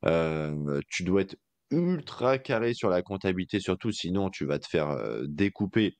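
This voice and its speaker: Low-voiced male podcast co-host, chatty and slangy, dry close sound. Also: very animated, normal speed, a little mellow, dry recording. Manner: loose and colloquial, many fillers, jokey asides. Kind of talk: casual investing podcast chat.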